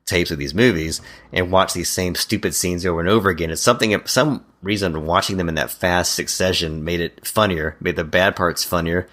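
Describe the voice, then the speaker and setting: A man's voice: sits low, a little fast, few pauses, fairly bright tone. A man co-hosting a podcast, chatting casually and animatedly, retelling scenes and quoting lines. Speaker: podcast co-host. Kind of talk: casual chat about bad movies.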